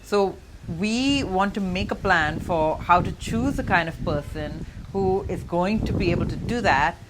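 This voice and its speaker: Earnest coaching woman, lowish voice. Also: a little slow, noisy background. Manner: earnest, coaching, addresses viewer directly. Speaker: matchmaker giving advice. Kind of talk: direct-to-camera advice vlog.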